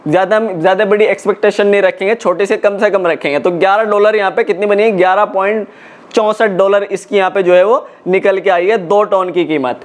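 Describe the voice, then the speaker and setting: A young man casually walking viewers through an on-screen tutorial, chatty and repeating filler check-ins as he goes. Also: high-pitched. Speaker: crypto tutorial YouTuber. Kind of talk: casual screen-walkthrough explanation.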